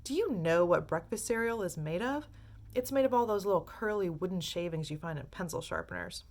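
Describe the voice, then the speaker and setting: A woman voicing an excitable, eccentric male chocolate maker in a theatrical, exclaiming manner. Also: on the low side, a little fast.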